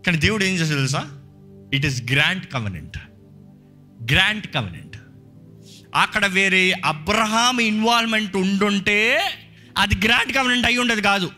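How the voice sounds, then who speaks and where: A man's voice: sits high, pushed and bright. A pastor preaching a sermon, putting emphatic rhetorical questions to his congregation. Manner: answers a scripture reader with short affirmations. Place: church service.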